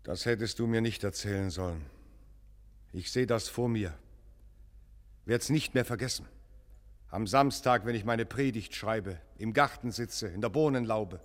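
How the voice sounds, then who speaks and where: In a German radio play, an actor with a fairly low, natural voice plays a troubled, earnest visiting clergyman, delivering solemn, insistent short phrases at a measured pace with long pauses. The mood is brooding and anguished, and a long, church-like reverb echoes around him.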